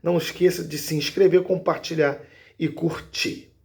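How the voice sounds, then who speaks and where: High, gravelly-voiced male pastor teaching. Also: fairly even intonation, normal speed. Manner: emphatic, checks in with listeners. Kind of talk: Bible teaching video.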